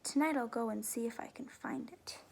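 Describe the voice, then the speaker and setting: A woman voicing an innocent, wondering little toy bear from a storybook in a gentle storytime voice. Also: fairly high pitch, normal speed, creaky, background noise. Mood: wistful.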